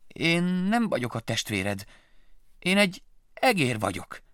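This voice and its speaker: A man's voice: on the high side, dry recording, studio quality, voice pushed up. A man voicing a young, eager little male mouse with wings in a storybook reading. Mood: insistent. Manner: excited, then pleading and insistent.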